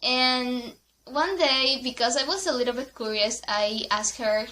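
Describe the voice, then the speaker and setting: A woman vlogger telling a casual story in halting, self-correcting English that is not her first language, laughing often between phrases. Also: a little high, pushed and bright, a little hiss or hum.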